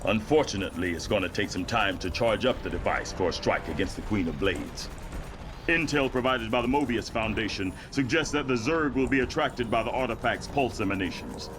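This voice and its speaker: Over music, an actor voices a composed, honorable military general in a video game, delivering a measured, formal briefing. His natural male voice is lowish and expressive, with a businesslike mood.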